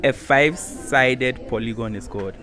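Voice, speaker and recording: A young Ghanaian man with a Ghanaian accent hosts a teasing campus quiz interview outdoors on a rooftop terrace at night, laughing often and slipping into Pidgin. His voice is mid-range at a normal speed, captured on a handheld mic over music.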